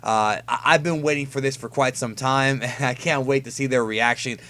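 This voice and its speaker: A man's voice: medium pitch, steady tone, moderate pace, fairly bright tone. Man giving casual anime preview commentary. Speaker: YouTube host reviewing an anime episode preview. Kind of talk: casual fan commentary, talking through preview shots.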